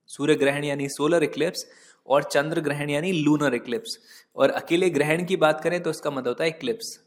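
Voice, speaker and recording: A man teaching vocabulary from slides, slow and patient, spelling each word out letter by letter and stopping to correct his own typos. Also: a little high, big-room sound. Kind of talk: slide-based vocabulary lesson.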